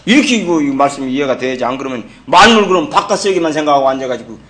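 A man's voice: on the high side, expressive, very fast, a bit bright. A middle-aged man preaching a sermon as pastor, blunt and colloquial, teasing and scolding his congregation.

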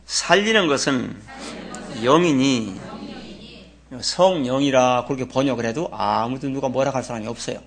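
A male pastor with a mid-range, slightly fry-tinged voice preaches a sermon at a moderate pace. He has the congregation read along with him, asks rhetorical questions, and hits key words hard, his emphasis climbing to loud stress.

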